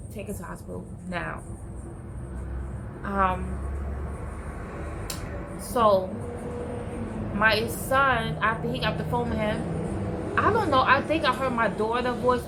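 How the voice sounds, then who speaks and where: A middle-aged woman telling a personal story in a vlog, halting and searching for words with many restarts. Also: medium pitch, noisy background. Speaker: vlogger.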